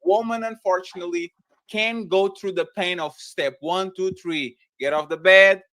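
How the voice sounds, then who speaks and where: A man moderating a panel discussion, talking in animated, loud bursts. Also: sits high, moderate pace, dry recording.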